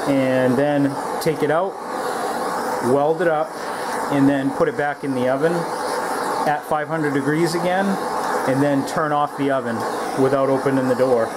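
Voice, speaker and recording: A man hosting a welding show, talking casually in his workshop in a folksy, rambling way. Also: a little high. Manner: folksy, rambling, self-joking. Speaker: welding channel host. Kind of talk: casual workshop demo talk. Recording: noisy shop background.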